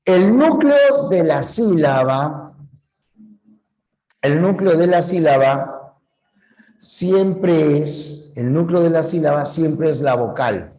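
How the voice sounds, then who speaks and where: A male teacher gives a grammar lesson at an extremely slow, deliberate pace, pausing between phrases. His voice sits a little high for a man. He repeats each key point patiently and stops to correct his own slips. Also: lively intonation, dark tone, rough recording. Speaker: language teacher. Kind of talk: slow classroom lecture.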